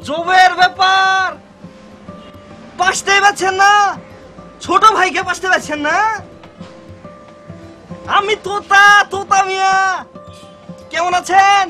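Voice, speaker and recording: A man playing a naive, loud villager new to the city, shouting into his phone on a bus with rambling rural talk. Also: extremely high pitch, level tone, slow pace, long pauses, full character voice. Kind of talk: comedy sketch. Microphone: phone camera. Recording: mobile phone video with faint music.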